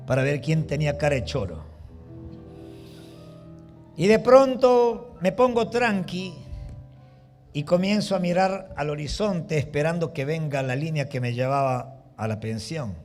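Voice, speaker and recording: A middle-aged Peruvian man preaching a sermon, telling a personal story with lively acted-out voices and exclamations. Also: a little high. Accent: Peruvian Spanish. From Peru. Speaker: pastor.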